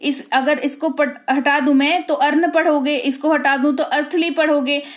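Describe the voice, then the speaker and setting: High-voiced woman teaching English pronunciation. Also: fairly even intonation, moderate pace. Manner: explains step by step, often asks "ठीक है?" and "है ना?". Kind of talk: Hindi-language English lesson.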